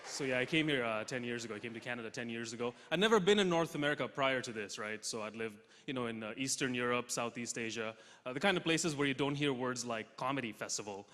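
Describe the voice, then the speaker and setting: A young man from Russia doing a stand-up comedy set on stage, deadpan punchlines with sudden loud jumps. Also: mid-range voice, quick pace, hardly any pauses. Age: young adult. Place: large theatre stage with audience. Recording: hall reverb, faint noise.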